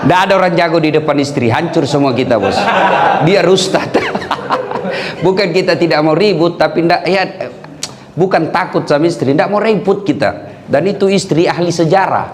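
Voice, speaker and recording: A male preacher with a slightly high voice and moderate pace delivers a humorous sermon, animatedly telling jokes and stories and acting out different characters' voices. There's background noise.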